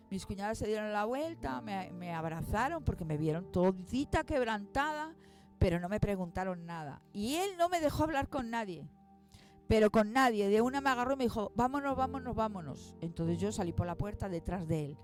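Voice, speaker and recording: Lady in her 40s telling her story, emotional, acts out the voices, soft music behind. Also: mid-range voice. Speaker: guest. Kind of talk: personal testimony.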